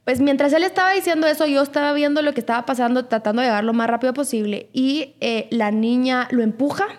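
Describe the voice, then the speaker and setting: A woman's voice: high voice, quick pace. A woman, telling a personal story in casual chat and acting out what people said. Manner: animated, acts out quotes in raised voice.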